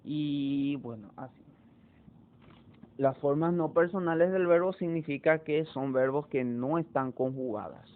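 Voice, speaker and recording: A man teacher, walking students through exam answers slowly, repeating key words to drive them home. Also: fairly high pitch. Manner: slow, repetitive explaining, repeats key words. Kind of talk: exam walkthrough lesson. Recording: tinny phone-like audio.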